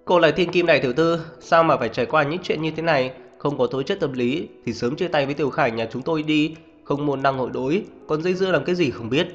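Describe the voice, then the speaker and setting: A man voicing a sharp-tongued, hostile middle-aged mother who scolds harshly. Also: brisk, few pauses, natural voice. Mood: scolding. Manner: shrill, scolding. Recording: muffled reverberant audio, faint music.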